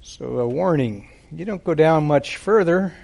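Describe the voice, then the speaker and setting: A male preacher speaks into a pulpit microphone at a church service, taking his time over every phrase. His voice has a gravelly, creaky edge, and he pauses often to gather his words. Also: fairly high pitch, expressive, a little mellow. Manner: unhurried, deliberate, with frequent pauses and fillers. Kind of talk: sermon with prayer.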